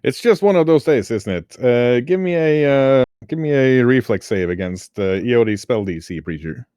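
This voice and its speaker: A man running a tabletop game as game master, narrating turns in a relaxed, wry, chatty way. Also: medium pitch, normal speed, clear, resonant tone, no echo, clean studio sound.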